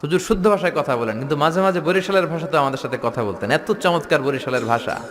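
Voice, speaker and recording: A man's voice: fairly high pitch, lively intonation, fast talker, fairly bright tone, long reverb tail. A man from Bangladesh preaching a playful sermon to a large tent gathering, mimicking regional dialects and leading chants. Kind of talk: Islamic sermon to a crowd.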